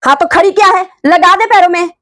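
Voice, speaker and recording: Lady acting as a bossy scolding saas, high shrill voice, bossing the bahu around. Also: a little fast, a bit bright. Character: bossy harsh mother-in-law, older woman. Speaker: mother-in-law. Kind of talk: home-made family drama acting.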